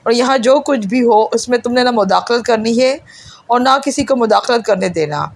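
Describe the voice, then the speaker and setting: A woman's voice: fairly high pitch, slight background noise, lightly acted. A woman voicing a stern, ruthless male secret agent giving harsh, clipped orders. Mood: flat.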